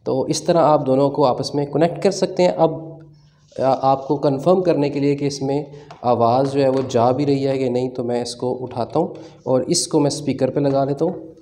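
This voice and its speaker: This man speaks at a moderate pace in a medium-pitched voice that stays steady, with a dark tone. He hosts a tech channel and has a Pakistani Urdu accent, walking viewers through a hands-on tutorial at a table. He chats casually and fills his explanations with fillers as he works.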